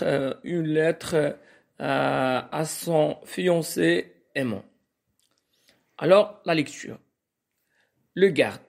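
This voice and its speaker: Moroccan-accented male teacher, halting and hesitant delivery, gravelly tone. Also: a little high. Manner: hesitant, halting, many fillers. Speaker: French teacher. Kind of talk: recorded lesson.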